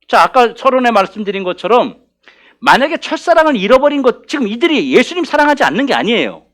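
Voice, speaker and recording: Brief: male pastor, high and lively voice, chatty Bible study sermon that keeps asking the room questions. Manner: conversational, asks the congregation questions. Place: church.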